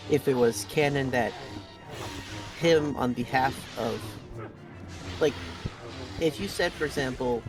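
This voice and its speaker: A man giving casual game commentary, thinking aloud in a halting way. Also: medium pitch, poor audio. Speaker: let's play commentator. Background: game music and effects.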